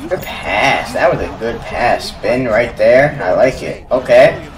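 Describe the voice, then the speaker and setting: A young man casually reacting to basketball highlights, talking to the players on screen in slangy chat and yelling at big plays. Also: lively intonation, slow pace, far from the mic, rough recording. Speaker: sports reaction YouTuber. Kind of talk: live reaction commentary.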